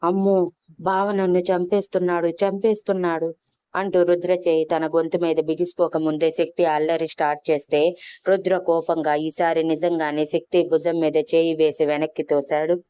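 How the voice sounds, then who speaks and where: A woman's voice: sits low, flat delivery, a little fast, dark tone, clean tone, dry recording. A woman reading a romance story aloud as narrator, giving the characters' lines with light changes of tone.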